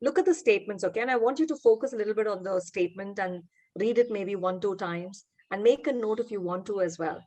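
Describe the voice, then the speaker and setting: A woman's voice: mid-range voice, quick pace. Woman facilitator on a video call, encouraging, quizzing the group. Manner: warm encouraging, asks participants questions. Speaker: workshop facilitator and founder. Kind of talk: online workshop teaching.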